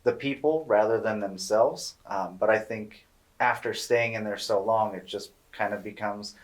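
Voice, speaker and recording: A man co-hosting a podcast, talking in a relaxed, rambling, opinionated way and swearing now and then. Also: fairly low pitch, moderate pace. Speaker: podcast co-host. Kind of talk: casual podcast chat.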